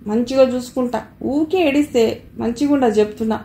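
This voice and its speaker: A woman's voice: fairly high pitch, normal speed, vocal fry, mellow, echoey room, a little hiss or hum. A woman voicing a pushy, careless young husband with a Telangana Telugu accent, brash and coaxing.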